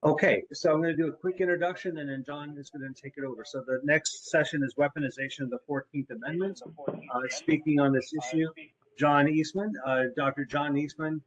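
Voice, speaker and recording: Guy moderating, reads the intro kinda halting, um uh, muffled online audio. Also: on the high side, steady tone. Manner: halting, with fillers and restarts. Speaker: session moderator. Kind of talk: reading a speaker introduction.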